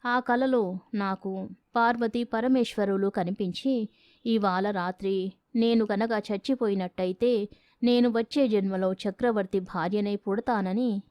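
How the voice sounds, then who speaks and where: A woman's voice: mid-range voice, darkish tone, no echo, clean studio sound, lightly acted. A woman voicing a cunning landlord's wife who speaks in a persuasive, sly way in a storybook reading.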